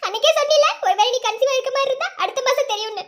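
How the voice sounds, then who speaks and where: A woman's voice: very high-pitched, very fast, fairly bright tone. A woman voicing a flustered, teasing young woman in a cartoon, whiny and giggly, with a Madurai Tamil accent. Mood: whiny tearful. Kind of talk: cartoon voice acting.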